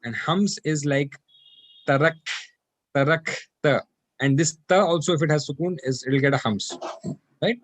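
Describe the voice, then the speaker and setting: A man teaching an online Arabic class, patiently repeating phrases slowly for his students. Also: on the high side, no room sound.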